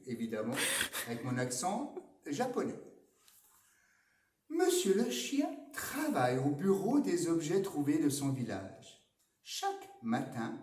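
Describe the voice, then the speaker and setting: Playful, lively man reading picture books. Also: on the high side. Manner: playful, animated storytelling. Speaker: librarian presenting books. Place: library. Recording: echoey room, mic at a distance.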